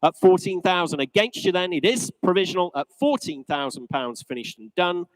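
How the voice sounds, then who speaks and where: A man's voice: high voice, fairly quick, no echo, poor audio. A man working as an auctioneer, calling bids live in a polished, courteous, repetitive patter.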